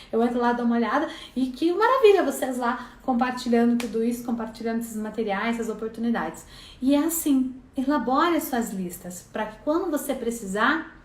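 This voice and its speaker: A woman with a Brazilian accent teaching a casual online lesson in a chatty way, often adding "né". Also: a little high. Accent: Brazilian Portuguese. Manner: chatty, frequent "né" tags. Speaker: neuropsychopedagogy teacher. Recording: roomy echo.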